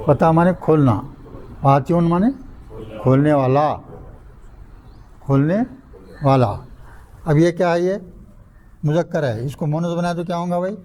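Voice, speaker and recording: Older male teacher, slightly high, mellow voice. Quizzes the class and spells out patterns syllable by syllable. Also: pauses often, rough recording. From India. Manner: asks the class questions and drills word patterns syllable by syllable. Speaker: Arabic grammar teacher. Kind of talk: classroom lecture. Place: mosque classroom.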